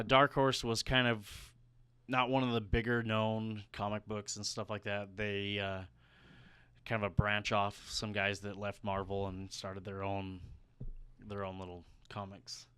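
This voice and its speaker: Smooth-voiced man hosting a casual chat. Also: lowish voice, little pitch movement, normal speed, bright, forceful tone, dry recording. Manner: hesitant, many restarts. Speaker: podcast host.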